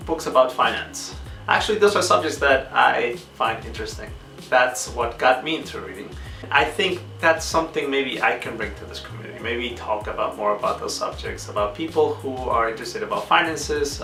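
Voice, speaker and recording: A man's voice: medium pitch, bright, forceful tone. Earnest young man. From Peru. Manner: earnest, measured, sometimes searching for words. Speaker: book channel host. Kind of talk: casual vlog, answering questions. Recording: echoey room, distant mic, faint guitar music.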